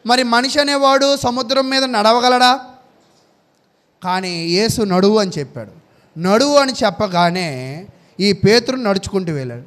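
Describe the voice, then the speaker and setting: A man's voice: very high voice, a bit bright. A man preaching a sermon. He reads out Bible verses, asks questions and then answers them himself.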